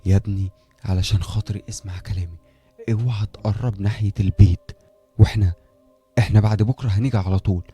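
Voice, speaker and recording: A man's voice: on the low side, steady tone, fast talker, dark tone, breathy edge, soft background music. A man voicing a worried, firm middle-aged father with an Egyptian accent who gives urgent orders. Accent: Egyptian Arabic. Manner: urgent, commanding.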